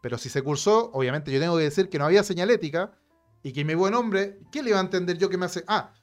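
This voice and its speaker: A fired-up Chilean man in middle age tells his own story straight to camera, his fairly high voice jumping as he acts out both sides of the quarrel. Faint music plays under him. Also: fast. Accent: Chilean Spanish. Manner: animated, indignant, acts out quoted exchanges. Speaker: lawyer telling a personal story.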